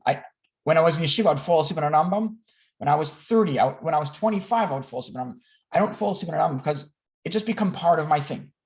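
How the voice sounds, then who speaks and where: Speaking on a video call at an online learning gathering, a man in his thirties with a somewhat high, darkish voice gives a candid, self-deprecating personal talk. English is his first language, and he often repeats words and starts sentences over.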